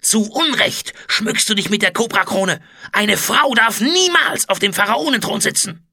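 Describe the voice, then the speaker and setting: A man voicing a captured traitor in a storybook, hissing with spite and defiance. the voice is pushed up high and loud, with a bright, slightly husky edge. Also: expressive, measured pace, no echo, clean studio sound, heavily acted. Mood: hateful. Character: hateful defiant male food taster, captive.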